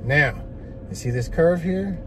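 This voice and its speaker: A man's voice: fairly high pitch, a little slow, noisy background. A man acting as a driving instructor, giving hands-on lessons in short, repeated directions inside a vehicle. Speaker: driving instructor, teaching a learner. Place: inside a parked or slowly moving van.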